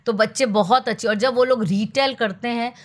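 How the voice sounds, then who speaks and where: A woman's voice: on the high side, fairly even intonation, normal speed. A woman storyteller answering interview questions in an earnest, teacher-like way. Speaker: storyteller, guest.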